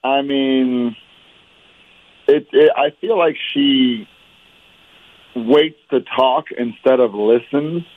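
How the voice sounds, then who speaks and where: A man's voice: mid-range voice, slow, long pauses, dry recording. A man talking casually over speakerphone on a phone line, rambling with lots of fillers and calling people "man.". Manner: rambling, filler-heavy, says "man" a lot. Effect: heard over speakerphone on a phone line. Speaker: dating show call recipient.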